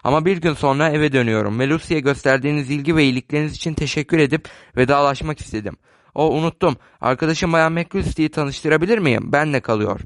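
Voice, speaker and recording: A man reading the part of a gentle, shrewd elderly spinster in a storybook reading, polite and a little fussy. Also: on the high side, fast talker, no room sound, natural voice.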